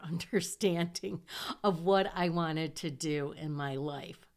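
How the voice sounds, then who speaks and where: Low-pitched and a bit bright, this middle-aged woman's nasal voice carries her casual podcast monologue. She's from southern Michigan and speaks slowly, chatty and self-deprecating, dropping small laughs along the way.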